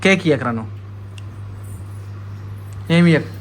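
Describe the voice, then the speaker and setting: A man's voice: a little high, lively intonation, normal speed, a little hiss or hum. A father, chatting at home with his toddler, coaxing and scolding by turns and repeating words for her. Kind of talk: casual family chat with a toddler.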